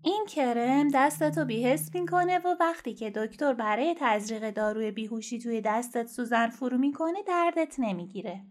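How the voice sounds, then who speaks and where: A caring nurse from a children's storybook speaks quietly and soothingly, as a woman puts her on. Her voice is high, and she talks softly. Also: few pauses, lightly acted. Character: soft-spoken caring female nurse.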